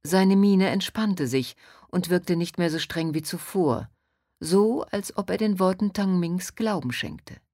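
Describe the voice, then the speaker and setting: A woman narrating a story in calm, measured audiobook style. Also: lowish voice, no room sound, clean studio sound.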